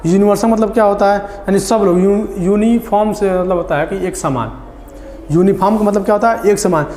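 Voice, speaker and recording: A man teaching a lesson, asking questions and answering them himself, repeating key words slowly. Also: sits high, steady tone, a little mellow, a little hiss or hum. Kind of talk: classroom lecture. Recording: echoey hall.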